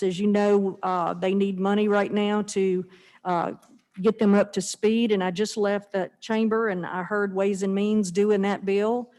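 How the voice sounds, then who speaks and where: A woman's voice: medium pitch, a little mellow. A female legislator talking through a face mask, explaining a bill in a chatty, earnest way with some restarts. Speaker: state legislator presenting a bill. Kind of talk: formal committee testimony. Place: legislative committee room. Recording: reverberant hall.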